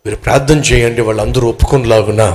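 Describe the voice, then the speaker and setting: A man's voice: mid-range voice, steady tone, fast talker, a little mellow, pitched below the performer's own voice, natural voice. A man voicing a pleading young woman. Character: worried young woman seeking prayer.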